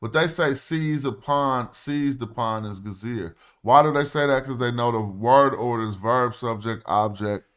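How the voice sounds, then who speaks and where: A man's voice: mid-range voice, measured pace, few pauses, fairly bright tone. A man hosting a casual livestream, talking loosely and thinking aloud as he walks through ancient Egyptian words. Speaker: host. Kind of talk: casual livestream walkthrough of hieroglyph texts.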